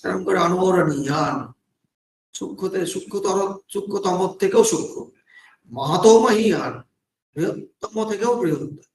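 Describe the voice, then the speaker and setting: A man's voice: high voice, lively intonation, a little fast, darkish tone. A monk teaching scripture in a slightly raised voice, heard in a roomy, echoing space. He explains step by step, poses questions and answers them himself, and drops English words into his talk. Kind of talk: scripture class lecture.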